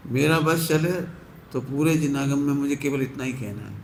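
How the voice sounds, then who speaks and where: A man giving a sermon as a Jain preacher, speaking slowly and emphatically and repeating key phrases to drive them home. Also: medium pitch, gravelly, slight background noise. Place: large hall. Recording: echoey hall, faint ambience.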